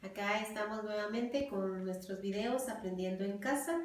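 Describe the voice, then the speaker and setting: A woman teaching a grammar lesson to students in a slow, patient way, stressing key words. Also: mid-range voice. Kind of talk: classroom lesson explaining grammar rules. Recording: very echoey room, voice far from the mic.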